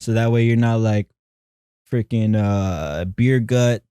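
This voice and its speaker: A man's voice: on the low side, slow, dark tone, clear, resonant tone, no echo, clean studio sound. A man in his thirties, a podcast guest, chatting casually in a rambling, profane way full of filler words. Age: 30s. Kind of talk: casual chat.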